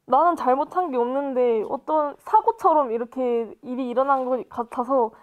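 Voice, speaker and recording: A woman's voice: high-pitched, normal speed. A woman interviewee earnestly recounting a painful memory in a recorded interview.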